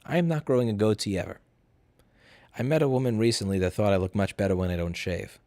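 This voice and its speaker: Male livestream host, drunk, lower-pitched, blunt and profane, casually fielding chat questions in a dry-sounding space. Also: fast, a little mellow, dry recording. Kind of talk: casual livestream Q&A, reading viewer messages aloud.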